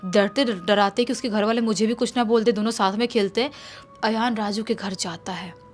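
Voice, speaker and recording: A woman's voice: medium pitch, fairly even intonation, moderate pace, faint music behind. A woman telling a horror story in a casual, conversational way, with restarts and repetitions.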